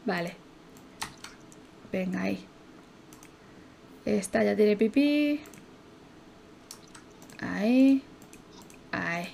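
A woman's voice: medium pitch, lively intonation, extremely slow, gravelly, long pauses, darkish tone, a little hiss or hum. A young woman, casually commentating her gameplay, chatty and swearing, often laughing and chanting repeated words. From Spain. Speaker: streamer.

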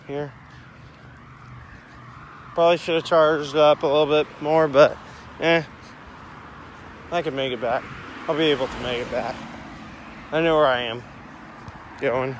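A young man with a higher, fairly even voice rambles casually to viewers while walking outdoors along a street and pier trail, holding his phone at arm's length. As an amateur vlogger, he narrates his surroundings unhurriedly and often repeats himself, and the phone recording is noisy with traffic.

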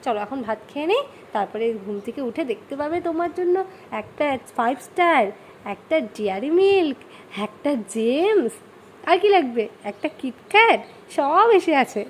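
A mother at home, coaxing and pleading with her sulking child in a gentle, pleading way. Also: animated, normal speed, a little hiss or hum. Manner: pleading, coaxing in a high soft voice. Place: home bedroom.

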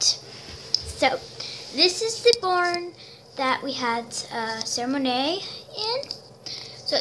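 A high, light-voiced girl rambles through a casual show-and-tell vlog, filled with little squeals and "um"s. She talks at an easy, unhurried pace into a handheld camera at home, with faint noise underneath. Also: fairly bright tone. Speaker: toy horse collector vlogger.

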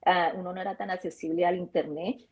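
A woman guest telling her story in a casual, animated way, acting out the dialogue of her anecdotes. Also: fairly low pitch, fast talker, slightly rough. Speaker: interview guest.

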